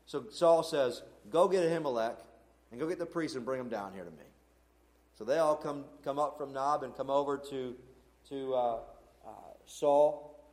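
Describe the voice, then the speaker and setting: A man's voice: medium pitch, normal speed, a little mellow, reverberant. A man preaching a sermon, retelling scripture in his own earnest, conversational words. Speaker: pastor.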